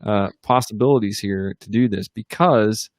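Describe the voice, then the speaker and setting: A man with a fairly low voice co-hosts a casual ministry livestream from his home studio, speaking at normal speed into a computer or webcam mic with no room sound. He's upbeat and rambling, with lots of fillers and restarts.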